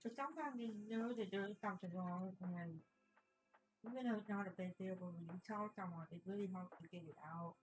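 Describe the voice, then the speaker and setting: A woman's voice: medium pitch, fairly quick, rough recording. A woman with a mid-range voice earnestly explains her point of view in easygoing group chat. Faint music runs behind her. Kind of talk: casual group chat on a stream.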